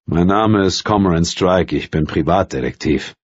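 A man voicing a calm private detective in an audiobook, speaking in a measured, soothing way. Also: low voice, dry recording, lo-fi sound.

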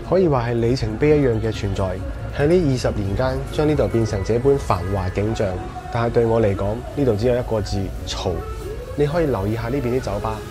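Fast-talking Cantonese man, wry street commentary. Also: medium pitch. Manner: wry, opinionated, teasing. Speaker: vlog host. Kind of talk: walking tour commentary. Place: busy nightlife street outdoors. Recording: music blaring from street bars. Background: loud bar music.

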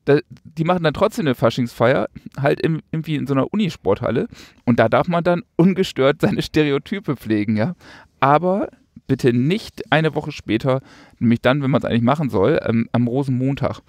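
A man with a gravelly, fry-tinged voice chats on a podcast, mocking and sardonic, stringing thoughts together with plenty of "äh" and "ähm". The sound is close and dry, with no room around it. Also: mid-range voice, expressive, normal speed, no room sound. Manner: sarcastic, rambling with many fillers. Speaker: podcast co-host. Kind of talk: casual chat.

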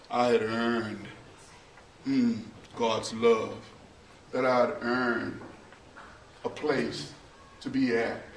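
A middle-aged male pastor preaching a sermon in a small church. He preaches slowly and builds to shouting, half-sung peaks. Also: mid-range voice, a little hiss or hum. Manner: slow, preachy, rises to shouting and half-singing. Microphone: far camera, no mic seen. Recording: roomy church echo from far off.

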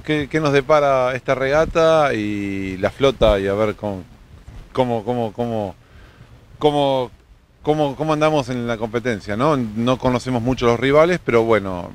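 A man's voice: medium pitch, clear, resonant tone. A man who organizes a sailing team, rambling and repeating words outdoors on a boat deck.

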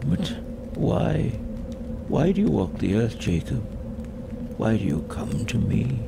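An actor in an audio drama playing a frightened, crotchety old Victorian miser, stammering and theatrical. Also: male voice, mid-range voice, sing-song, creaky, very noisy, exaggerated voice. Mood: shaken. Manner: stammering, halting, theatrical, swooping delivery. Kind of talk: audio drama acting of a Victorian ghost story.

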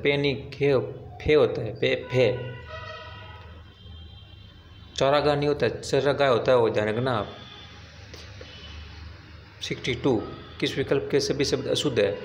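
A man's voice: medium pitch, a little hiss or hum. A man teaching, working through quiz questions one by one and explaining each answer step by step, now and then correcting himself. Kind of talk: exam quiz walkthrough.

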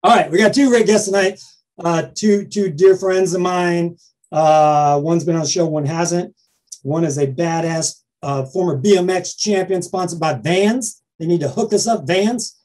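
A man with a Southern accent hosting a talk show, high-energy and joking, rattling off excited introductions. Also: measured pace. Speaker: host and stand-up comedian.

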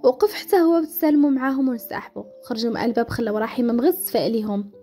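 A woman's voice: fairly high pitch, racing, mellow, faint music behind. A woman with a Moroccan accent narrating a dramatic story and voicing the characters' quoted lines.

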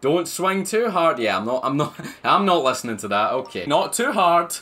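A man's voice: fairly high pitch, big pitch swings, normal speed, bright, forceful tone. A man giving playful let's-play commentary as a gaming YouTuber, joking and exclaiming at the screen.

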